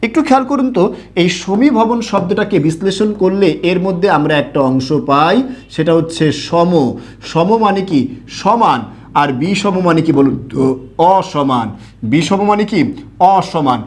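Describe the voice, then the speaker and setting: In an online grammar lesson, a young man with a high voice speaks at a moderate pace. He drills the material repetitively, posing questions, answering them himself, and going back over key points.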